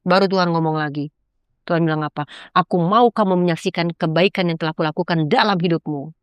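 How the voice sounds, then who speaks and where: A woman's voice: on the low side, a little fast, clear, resonant tone, no echo. A middle-aged woman, a podcast guest, giving an earnest, preachy personal testimony and acting out her own pleas in a rising voice.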